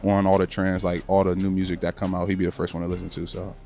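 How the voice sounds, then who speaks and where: A man's voice: low-pitched, completely flat delivery, quick pace, mellow. A young man, a college basketball player, answering interview questions in a casual, slangy, earnest way. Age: young adult.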